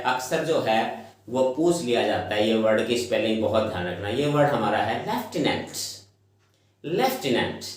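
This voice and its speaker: Echoey teacher spelling words. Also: male voice, medium pitch, a bit bright. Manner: spells words letter by letter, slow and deliberate; repeats each word several times. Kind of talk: exam-prep spelling lesson. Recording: very echoey room.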